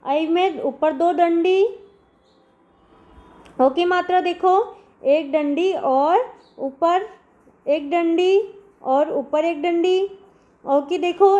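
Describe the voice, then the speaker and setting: A woman's voice: very high-pitched, dark tone. A woman teacher giving a primary school lesson to children, speaking patiently and spelling out sounds one by one. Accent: Indian Hindi. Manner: often says "dekho", addressing children.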